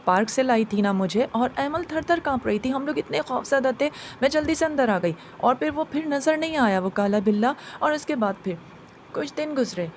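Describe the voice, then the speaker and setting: A woman with a high, light voice narrates a first-person horror tale, telling it with feeling. A faint hum of noise sits under the recording. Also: lively intonation, moderate pace. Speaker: storyteller. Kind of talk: dramatic story narration.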